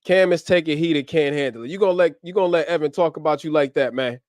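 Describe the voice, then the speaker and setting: A man from the US hosts a casual livestream at home, reeling off upbeat, slangy shout-outs. He is running on little sleep, and his voice sits a bit high. The sound is dry and close, with no room echo. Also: fast. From US, grew up in Ohio. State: short on sleep. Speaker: livestream host. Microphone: camera mic on a livestream setup.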